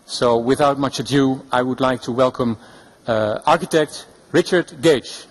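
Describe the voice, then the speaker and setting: A man moderating a university event, introducing the speaker in a measured, hesitant way with many fillers. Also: mid-range voice, a little hiss or hum, poor audio.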